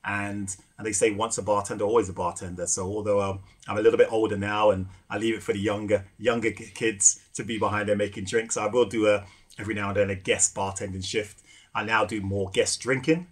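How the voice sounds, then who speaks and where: A middle-aged man telling stories in a relaxed podcast chat, with many fillers and restarts. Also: on the low side, brisk, husky. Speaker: guest, rum ambassador and former bartender. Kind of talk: casual podcast conversation.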